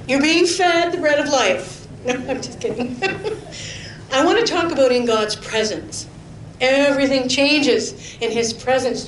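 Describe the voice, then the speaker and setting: In a hall that echoes, with a faint rumble beneath, a middle-aged woman delivers a sermon built on her own testimony. Her manner is earnest and conversational, broken by frequent laughter and near-whispers when she wants to stress a point.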